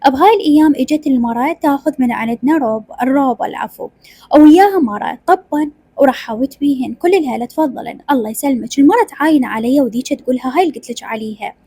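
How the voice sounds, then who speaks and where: High-voiced Iraqi woman telling a story. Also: fast, dark tone, breathy edge. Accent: Iraqi Arabic. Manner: dramatic, voices each character in turn. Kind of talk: first-person narration of a rural drama.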